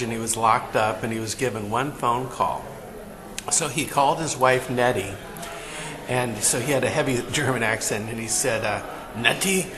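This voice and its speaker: A man telling a family anecdote plainly, with small pauses. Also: medium pitch. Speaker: storyteller. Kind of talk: casual storytelling.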